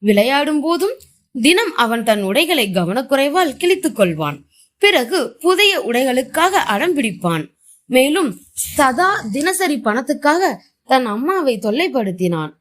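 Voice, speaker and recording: Woman storyteller, animated and high-pitched, expressive read-aloud, voiced dialogue. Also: measured pace. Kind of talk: reading translated short stories aloud.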